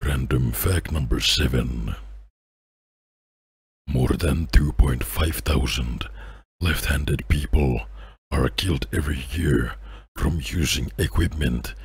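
A man putting on an epic movie trailer announcer voice, gravelly and rumbling, with slow dramatic delivery and deadpan asides. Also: dry recording, heavily acted. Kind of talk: movie trailer voice, reading random facts. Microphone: close desk microphone.

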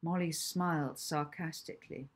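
A woman narrates her own children's novel with lively storytelling energy. Her voice is low and husky, with a slightly breathy edge. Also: moderate pace. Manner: animated storytelling, acting out lines. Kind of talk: expressive audiobook narration.

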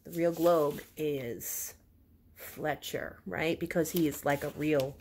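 A woman's voice: sits low, steady tone, a little mellow, a little hiss or hum. Chatty woman reading a kids' book. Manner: chatty asides, pausing to show pictures. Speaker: storybook reader. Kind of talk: reading a children's book aloud with asides.

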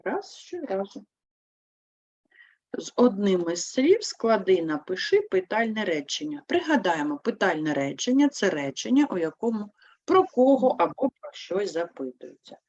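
A woman teaching a primary school language lesson, explaining step by step in a slow, clear manner and answering her own prompts. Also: mid-range voice, big pitch swings, darkish tone, no echo. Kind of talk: online lesson for young pupils. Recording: dry, slightly dull sound.

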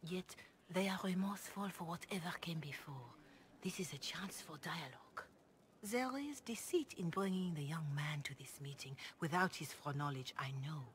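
In this video game voice acting, a woman plays an older Chantry mother who is grave, devout, and compassionate, her low voice carrying lively intonation. She delivers the lines in a formal, measured way, earnest and pleading. Ambient background noise is clearly audible.

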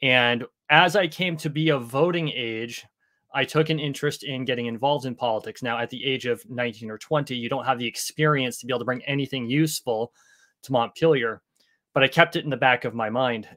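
A man in his thirties from Vermont speaks as an interview guest over a headset on a video call. His voice is mid-pitched, and he explains his background in a measured, articulate way from his home office. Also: sharp tone. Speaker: guest, political candidate. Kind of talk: conversational interview.

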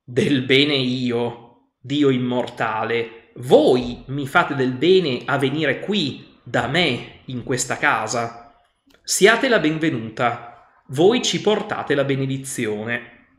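A grave, repentant noble lord speaks with solemn courtesy, as a man reading aloud plays him. He talks slowly. A roomy echo surrounds the voice. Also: mid-range voice, fairly bright tone.

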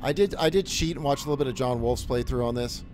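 A man streaming a game live, excitable and profane, yelling at the screen and calling viewers son and dude into his desk microphone. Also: mid-range voice, fast talker. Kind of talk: live gameplay commentary. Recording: game music playing under the voice.

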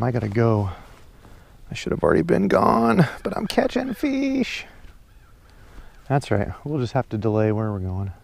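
This young fishing vlogger from Iowa, USA, has a fairly high, slightly mellow voice. He chats in an upbeat, casual way with folksy sayings while fishing from a pond bank, filmed on a head-mounted action camera.

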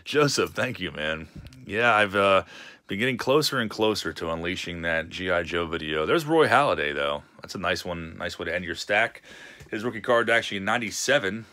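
A man's voice: lowish voice, animated, brisk, bright, forceful tone. A man, casually chatting with a live-stream chat while opening card packs at a home desk. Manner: chatty, reads chat messages aloud with laughs.

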